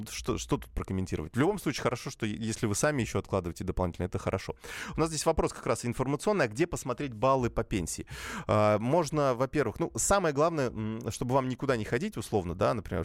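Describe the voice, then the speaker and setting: A man's voice: on the low side, dry recording, studio quality. A male radio host answering callers' questions, talking through many fillers and restarts. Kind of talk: call-in radio talk.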